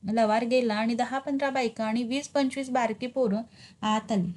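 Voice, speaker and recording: Woman telling a story, slightly high voice. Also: moderate pace. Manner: lively, expressive reading. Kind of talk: storytelling narration.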